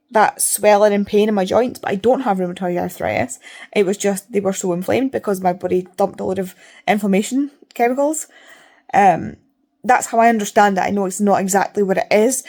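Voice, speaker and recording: A woman's voice: medium pitch, darkish tone. Woman vlogger talking with mouth barely open. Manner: rambling, repeats herself for emphasis. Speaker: reading vlogger. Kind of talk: casual chat to camera.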